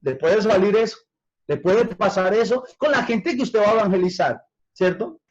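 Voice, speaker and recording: High-voiced man teaching scripture, lo-fi. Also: animated. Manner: addresses listeners directly as brothers, asks questions; stretches key words slowly for emphasis. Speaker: pastor. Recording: dull lo-fi recording.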